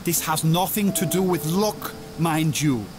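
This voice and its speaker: A man's voice: on the high side, a little slow, music in the background, close to an everyday voice. An actor voicing a commanding, theatrical male doctor who brings the dead back to life in a video game. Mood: instructing.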